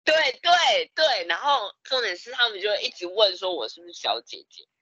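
Lively bright-voiced man. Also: sits high, a little fast, dry recording, dull audio. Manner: animated storytelling, laughs often. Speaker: podcast co-host. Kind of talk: casual chat.

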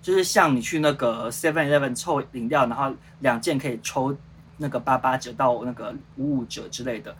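A show producer and host in his thirties, speaking Mandarin with a Taiwanese accent, tells a story casually on a livestream at a fairly quick pace. His medium-pitched voice is animated as he re-enacts dialogue and rambles with plenty of fillers. There's slight background noise.

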